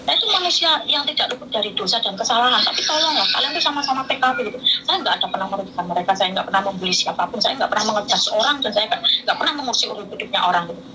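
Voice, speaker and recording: A woman talks fast in a loud, blunt way, as if arguing, pouring out her troubles in a personal chat. Her voice sits fairly high. Heavy noise runs behind her. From East Lampung, Indonesia.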